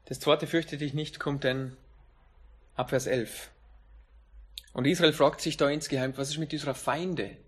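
A man's voice: on the high side, steady tone, unhurried, pauses often, husky. German-speaking male preacher, emphatic. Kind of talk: sermon.

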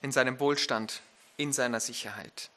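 A man preaching a sermon as pastor, emphatic, turning to his listeners with direct questions and climbing to loud, fervent peaks. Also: medium pitch, normal speed.

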